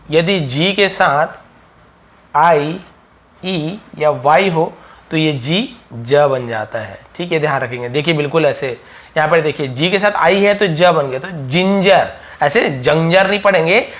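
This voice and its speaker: A man teaching English pronunciation in a phonics lesson, repeating example words slowly and answering his own questions. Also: fairly high pitch, fairly bright tone.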